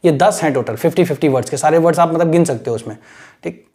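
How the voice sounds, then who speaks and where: A man with a slightly high, darkish voice talks quickly while teaching English grammar to exam aspirants. His lecture mixes Hindi and English, and he explains step by step, checking in with "right?" after nearly every sentence.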